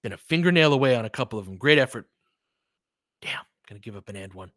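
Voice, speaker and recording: This man's voice is medium-pitched, bright, and forceful, and he speaks quickly and animatedly while hosting casual live sports commentary, mixing play-by-play with analysis. Talking back to listeners in a conversational, mildly profane way, he's recorded close and dry with no room sound.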